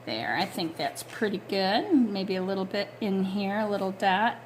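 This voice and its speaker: This art instructor has a medium-pitched voice with lively intonation and talks at a normal speed. Close to the mic in her home studio with a wood stove, she walks through a casual watercolor lesson, musing aloud and filling gaps with plenty of fillers. A faint hum from a blower sits behind her.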